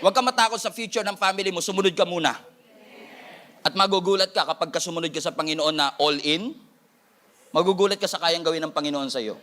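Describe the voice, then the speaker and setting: A male pastor with a Filipino accent giving an energetic sermon in Filipino and English, with playful asides to the congregation. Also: sits high, fast.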